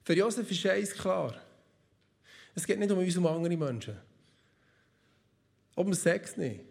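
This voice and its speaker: A man's voice: sits high, expressive, a little slow, creaky, darkish tone. A man with a Swiss German accent telling a Bible story as a casual sermon, chatty and speaking straight to his listeners with asides. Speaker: preacher.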